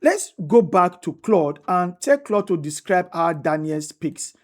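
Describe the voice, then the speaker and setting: Woman walking through a software tutorial. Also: on the low side, expressive, measured pace. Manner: repetitive, restates each step, asks "right?". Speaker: instructor. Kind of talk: screen-recorded tutorial walkthrough.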